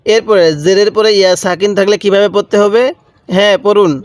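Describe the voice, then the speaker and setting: In a clean, dry studio recording, a high-voiced man delivers a flat-toned recitation lesson, teaching Quran letter reading one step at a time. He is patient and repetitive, stretching out every syllable.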